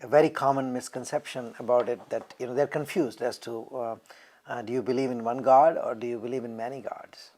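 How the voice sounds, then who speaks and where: A man with an Indian English accent speaks in a documentary interview. He explains things carefully, pausing often on fillers. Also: medium pitch, fairly even intonation, darkish tone. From New Delhi, India. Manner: measured explanation with frequent fillers. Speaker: temple member.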